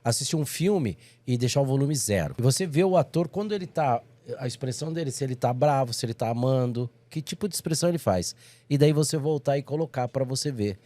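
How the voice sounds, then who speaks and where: A Brazilian man with a Brazilian Portuguese accent, hosting a podcast and asking relaxed questions in casual chat. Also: mid-range voice, quick pace, no echo. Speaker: podcast host.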